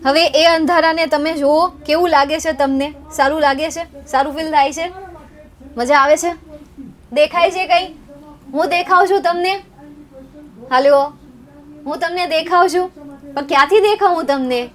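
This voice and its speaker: Young Gujarati woman tutor, high-pitched, playful and teasing on a live class. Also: fairly even intonation, normal speed, pauses often. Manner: playful, teasing, chatty with students. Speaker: online tutor. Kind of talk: chatty live exam revision lesson.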